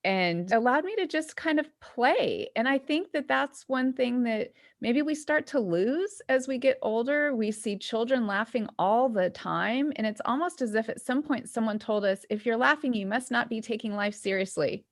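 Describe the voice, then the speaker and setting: A woman's voice: fairly high pitch, expressive, moderate pace, hardly any pauses. A woman hosting a podcast, talking in a reflective, thinking-aloud way. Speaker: podcast host. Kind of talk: casual chat.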